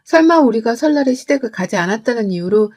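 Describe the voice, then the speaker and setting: A woman telling a first-person family story as scripted narration, in an even, reflective tone. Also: on the high side, fast talker.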